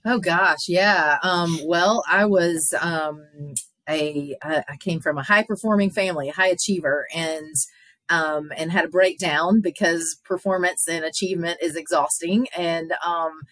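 A woman speaking as a therapist guest, earnest and halting with many filler pauses. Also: fairly low pitch, fairly even intonation, fairly bright tone, no room sound. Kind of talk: casual interview talk.

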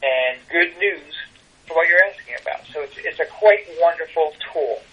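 A man's voice: a little high, moderate pace, breathy edge, muffled recording. An older man, a tarot reader guest, talking casually in an interview with many ums and restarts.

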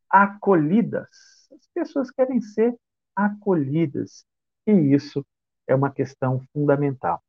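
Brazilian man, spiritist lecture, rhetorical questions, higher pitch, muffled sound. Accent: Brazilian Portuguese. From São Paulo state, Brazil. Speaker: spiritist speaker.

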